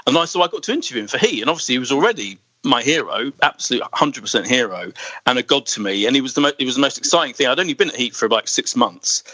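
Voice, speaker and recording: A man's voice: medium pitch, animated, quick pace, bright, forceful tone, dry recording, low-quality recording. A man in his forties hosting a podcast, talking enthusiastically and stumbling over his words in casual chat. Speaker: podcast host.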